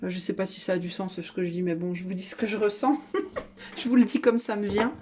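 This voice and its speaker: A woman's voice: mid-range voice, fast, a little mellow, slight background noise. A woman giving a casual tarot reading in a playful, chatty way, teasing her listeners and laughing often. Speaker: tarot card reader.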